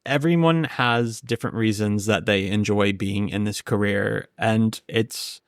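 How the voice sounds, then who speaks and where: A man's voice: fairly low pitch, unhurried, creaky, clear, resonant tone, no room sound, clean studio sound. A man hosting a podcast, talking in a frank, encouraging way and swearing casually. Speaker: podcast host.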